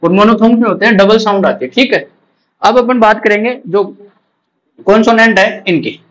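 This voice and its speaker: A man's voice: high voice, moderate pace, fairly bright tone, low-quality recording. A man from India, teaching an exam-prep lecture and drilling students with repeated questions and answers.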